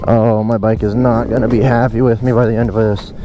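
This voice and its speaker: A man's voice: on the low side, fairly quick, background noise. A young man giving casual, slangy, exclaiming commentary while jostled on a bumpy off-road motorbike ride outdoors, talking with some effort. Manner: excitable, exclaiming, slangy bro talk. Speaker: vlogger riding a dirt bike. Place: outdoors on a moving motorbike on woodland trails.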